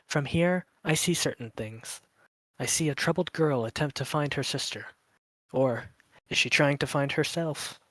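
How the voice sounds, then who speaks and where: A man's voice: mid-range voice, fairly bright tone, dry recording. A man narrating as a solemn cosmic observer. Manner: slow, solemn, measured. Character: mysterious, otherworldly cosmic observer. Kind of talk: dramatic prologue narration.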